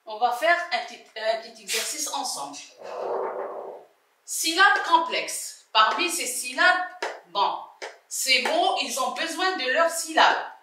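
A woman teaching a primary reading lesson, sounding out syllables slowly and repeating each word. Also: sits high, big pitch swings, pushed and bright, slight background noise. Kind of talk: slow, deliberate reading lesson. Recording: roomy, from a distance, faint music.

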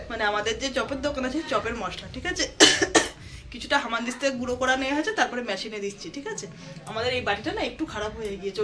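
A hoarse woman with a cold, chatting directly with viewers in a casual daily vlog recorded around her home. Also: on the high side. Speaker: vlogger. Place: at home, kitchen and rooftop. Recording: home recording with clear background noise.

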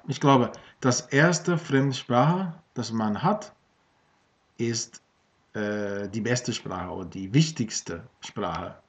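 An Australian man in his thirties, a native English speaker, films a casual vlog in German, a language he has learned, using a webcam at his desk in a small home room with bookshelves. He has a lowish voice and speaks with many fillers and restarts, and the webcam audio is dull and lo-fi.

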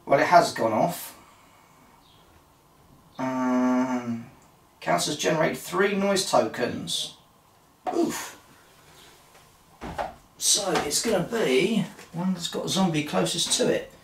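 A solo wargamer chats to themselves, hums and mutters dice sums while casually calling each roll. The mid-range voice is animated yet slow, with vocal fry and long pauses. A distant mic lends a roomy sound plus a bit of hiss or hum.

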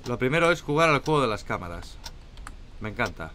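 Lively joking Spanish-accented gamer. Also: male voice, medium pitch, a little fast, slight background noise. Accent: Spain. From Spain. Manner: chatty, joking, talks to viewers. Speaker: gaming YouTuber. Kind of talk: solo gameplay commentary.

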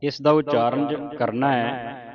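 A man teaching scripture pronunciation, chanting verses slowly and stopping to explain where to pause and how each vowel mark sounds. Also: medium pitch, steady tone, muffled recording, crowd noise. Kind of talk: recitation lesson with line-by-line pronunciation corrections. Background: group of students.

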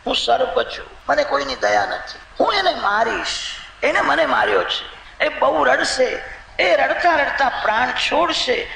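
A cruel, vengeful male serpent, voiced by a preacher mid-story, speaks with merciless coldness. The voice sits very high and gravelly with a bright edge. It is caught in an echoing room. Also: animated, a little slow, a little hiss or hum, heavily acted. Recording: roomy echoing hall recording.

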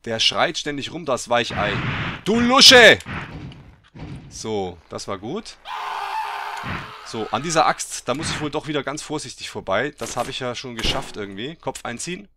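A man giving let's play game commentary, excitable and teasing, who swears and bursts into loud yells. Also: medium pitch, normal speed, background noise. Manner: mocking, teasing banter.

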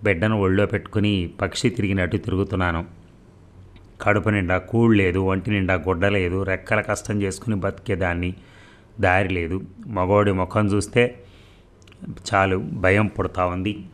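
A man's voice: deep voice, little pitch movement, normal speed, natural voice. A man voicing a poor pleading servant woman. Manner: pleading, tearful storytelling. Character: poor grieving young mother, female servant.

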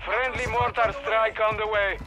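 A man's voice: high voice, little pitch movement, normal speed, natural voice. A man voicing a clipped male radio announcer. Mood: terse. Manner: clipped, terse callouts. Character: male military radio announcer in a shooter game. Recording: loud game noise and gunfire behind.

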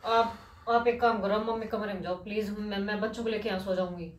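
A woman's voice: mid-range voice, steady tone, fast talker, echoey room. A woman at home pleading with her husband, worried and uneasy. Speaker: wife in prank vlog. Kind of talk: casual household argument. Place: bedroom at home.

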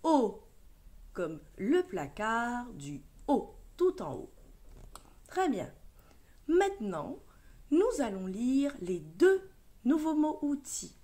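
A woman teacher with a French accent leading a reading lesson for young children, sounding out words and syllables slowly and clearly. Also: fairly high pitch, very animated, dark tone. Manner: slow, clear syllable-by-syllable modeling. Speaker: primary school teacher.

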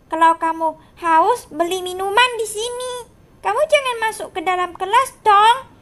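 A woman's voice: extremely high pitch, a bit bright. A woman voicing a strict, scolding male schoolteacher in a game role-play. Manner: scolding, bossy.

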